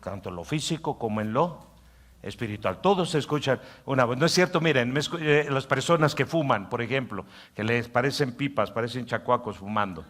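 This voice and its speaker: A man preaching a sermon as pastor, swinging from loud, emphatic lines to soft muttered asides where he acts out a tempting inner voice. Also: medium pitch, brisk. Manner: acts out the inner voice in quiet mocking tones.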